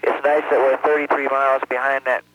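A man's voice: medium pitch, little pitch movement, fairly quick, a bit bright, no room sound, rough recording. A man, an astronaut, talking to mission control in an easygoing, procedural way over a space-to-ground radio.

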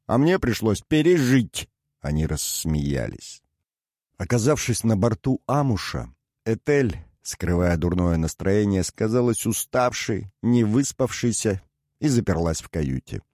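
A man narrates a novel in an even, measured storytelling voice. His tone is low, and the recording is close and dry, with no room sound. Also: dry recording. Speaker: audiobook narrator. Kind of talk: scripted audiobook narration.

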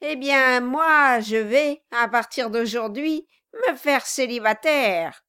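A woman voicing a cruel, mocking male dwarf who taunts and bullies loudly in a storybook reading. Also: high voice, takes it slowly, clear, resonant tone, pitched above the performer's own voice, heavily acted. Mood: taunting. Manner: loud, taunting, gleeful bullying.

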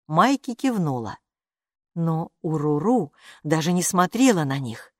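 A woman narrating a children's audiobook in an expressive, even-paced reading. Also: fairly low pitch, no room sound, clean studio sound. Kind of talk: storybook narration.

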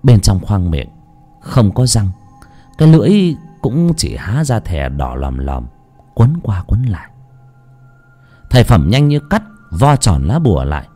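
A man tells a ghost story in a low, dark voice whose pitch swings widely for drama. Faint music plays under his narration. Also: huge pitch swings, measured pace, pauses often, slightly rough.

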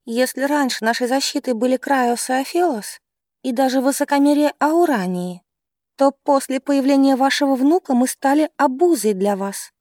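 A man's voice: extremely high pitch, normal speed, darkish tone, no room sound, studio quality, pitched above the performer's own voice. Man voicing a grieving, bitter mother. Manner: bitter, pleading. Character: grieving proud mother, middle-aged woman.

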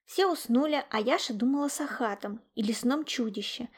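A woman reading a children's story aloud, lively and expressive, giving each character's line its own emphasis. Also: a little high, a little fast, breathy edge.

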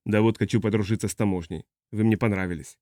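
A man voicing a huge, drunk male navigator who talks low and quietly menacing. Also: fairly even intonation, quick pace, no echo, studio quality, lightly acted. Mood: drunken jovial. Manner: low, slurred, quietly threatening.

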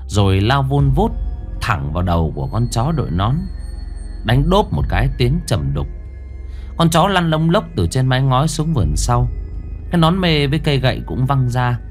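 Một người đàn ông kể truyện ma, giọng kể sinh động và kịch tính. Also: male voice, mid-range voice. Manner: dramatic, vivid. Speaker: storyteller. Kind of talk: ghost story narration.

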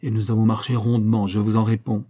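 Brief: male reader voicing a nonchalant, persistent young coachman, coaxing tone, warm timbre. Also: lowish voice, level tone, fast, close to an everyday voice. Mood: coaxing, cheeky. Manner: coaxing and easy-going.

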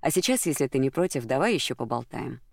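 An audiobook reader playing a gentle, earnest man in love, speaking in a soft, caring, serious tone. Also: mid-range voice, big pitch swings, fast, vocal fry, dry recording, clean studio sound. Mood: tender, earnest.

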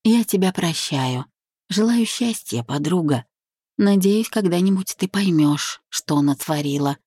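A woman reading an audiobook voices a young wife who speaks quietly and calmly despite her pain. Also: lowish voice, unhurried, husky, dry recording. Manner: quiet, soft-spoken. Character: wounded but calm young wife, gentle.

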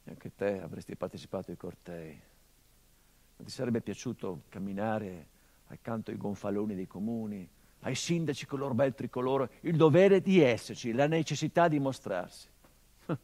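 In a theatrical monologue broadcast on radio, a middle-aged male actor with a lowish voice plays the grieving son of a murdered journalist. He sounds brooding and bitter, moving between hushed and impassioned delivery.

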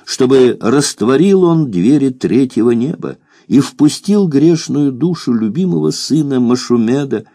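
Guy reading a novel audiobook, lots of pitch movement, dry close sound. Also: lively intonation, measured pace, mellow, dry recording. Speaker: audiobook narrator. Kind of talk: scripted novel narration.

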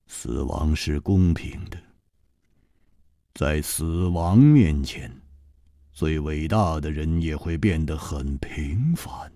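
A male storyteller narrating a traditional long-form story in a dramatic way, swinging from hushed to loud. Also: very deep voice, animated, slow pace, no echo, clean studio sound.

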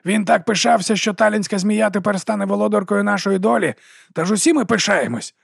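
A man's voice: high-pitched, a little fast, creaky, breathy edge, no echo, studio quality, voice pushed up, full character voice. A man voicing a sly, scheming male poisoner who speaks with mocking, oily politeness. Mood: false cheer.

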